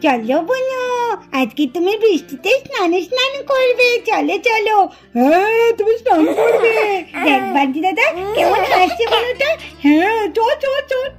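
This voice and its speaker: A stubborn little girl doll in a puppet cartoon, as a woman puts her on. She sounds shrill, insistent and defiant. The voice sits extremely high. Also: big pitch swings, normal speed, few pauses. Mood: playful.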